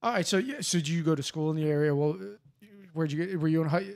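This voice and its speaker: Slightly high-voiced casual podcast host man. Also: fast, vocal fry, darkish tone. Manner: rambling, full of fillers and restarts, friendly. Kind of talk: casual chat.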